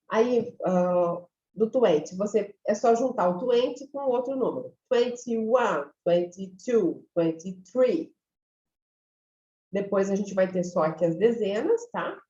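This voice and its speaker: A woman teaching a basic English class, slowly and patiently repeating each word to model its pronunciation. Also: mid-range voice, warm tone. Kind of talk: recorded online English class. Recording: echoey room, slightly dull lo-fi sound.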